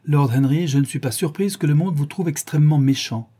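A man voicing an old, gossipy society hostess who chides in raised, indignant exclamations, with a husky voice. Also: on the high side, fairly quick, mellow, voice pushed up. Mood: scolding.

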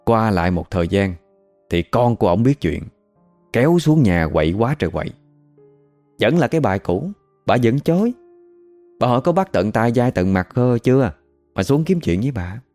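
A man's voice: on the low side, big pitch swings, normal speed, long pauses, mellow, faint music behind. A man with a Southern Vietnamese accent narrating a village story in a chatty, gossipy way.

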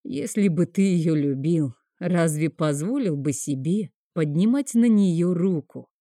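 A woman voicing a calm, scornful older high priest in an audiobook. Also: a little slow, dry recording, studio quality. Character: high priest, older man, cold and sarcastic.

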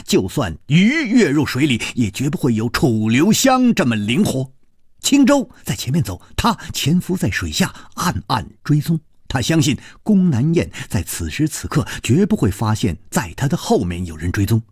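A man's voice: wildly swooping pitch, a little mellow, slightly rough, no room sound, studio quality. A man narrating a story in a dramatic storytelling style. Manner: dramatic, slow, widely varied pitch.

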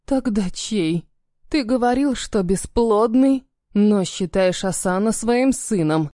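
A woman's voice: mid-range voice, animated, slow pace, dark tone, dry recording, studio quality. A woman voicing a frightened young wife who pleads in a trembling voice. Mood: pleading.

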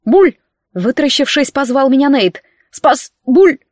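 A woman's voice: on the high side, a little fast, darkish tone, no room sound, clean studio sound, natural voice. Woman putting on a gurgling panicked drowning man. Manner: sputtering, gurgling cries between words. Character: panicked half-drowning bearded man servant. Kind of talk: audiobook character voice.

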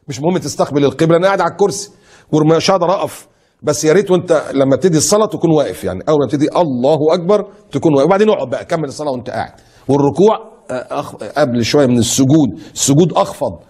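A middle-aged Egyptian preacher man with a husky, slightly high voice. He talks in a lively colloquial way, jumping between loud mocking bursts and slow, drawn-out emphasis. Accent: Egyptian Arabic. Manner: animated, mocking imagined critics, sudden swings of pitch and pace. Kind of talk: colloquial sermon.

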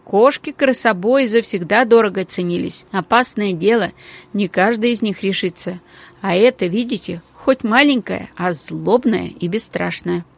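A woman reading the part of a loud, blunt female household cook in an audiobook, scolding and plain-spoken. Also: medium pitch, normal speed, creaky. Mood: grumbling.

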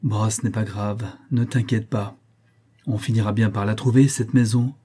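Man doing a gentle cop asking quiet questions, mellow and a bit raspy. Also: medium pitch, a little fast, lightly acted. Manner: soft, coaxing questions. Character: gentle, patient male police inspector.

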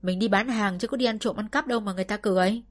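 A woman voicing a gentle farm mother who coaxes and persuades softly in a storybook reading. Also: mid-range voice, very fast, close to an everyday voice. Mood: coaxing. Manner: soft coaxing persuasion.

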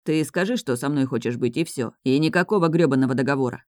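A woman playing a hulking, foul-mouthed young man with a blunt, growling delivery. The tone is dark and mellow, close-miked and dry, for an audiobook. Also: very deep voice, fast, no room sound. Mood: gruff. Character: big rough-spoken young man, gruff and foul-mouthed. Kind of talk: audiobook reading.

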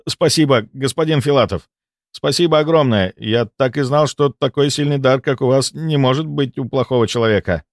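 A man's voice: medium pitch, no echo, studio quality, voice pushed up, close to an everyday voice. A man voicing a cowardly male healer who pleads and whines for his life. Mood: grateful. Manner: pleading, whining, fast-talking.

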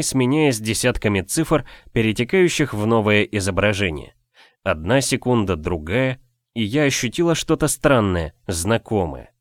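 A man narrating a first-person fantasy audiobook in a steady, measured reading. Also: lowish voice, dry recording, clean studio sound.

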